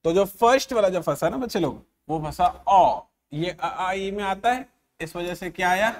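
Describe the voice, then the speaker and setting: Man, high-pitched voice, exam-prep grammar teacher, sounds out words slowly, keeps checking students follow. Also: animated. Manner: explains step by step, checks in with students often; drawn-out sounding out of letters and words.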